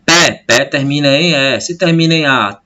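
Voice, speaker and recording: A man's voice: a little high, moderate pace, pushed and bright. A male teacher, explaining a grammar lesson step by step and often checking in with his pupils in a recorded video lesson. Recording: dull lo-fi sound with faint noise.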